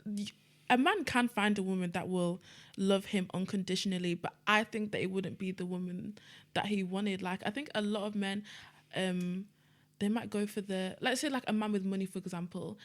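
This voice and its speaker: A woman's voice: medium pitch, steady tone, normal speed. A young British woman co-hosting a podcast, chatting bluntly and teasingly, often restarting her sentences. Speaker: podcast co-host. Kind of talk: casual group chat.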